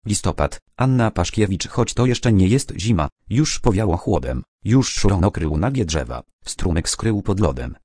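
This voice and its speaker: A man narrating children's stories and poems aloud in a clear, even storytelling manner. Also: sits low, moderate pace, few pauses, no room sound, studio quality.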